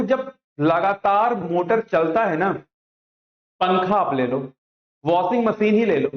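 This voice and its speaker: High-voiced male teacher in an echoey room. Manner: repeats points, asks and answers own questions, calls students "my child". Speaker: electronics teacher. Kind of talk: online classroom lecture. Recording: echoey, dull lo-fi room recording.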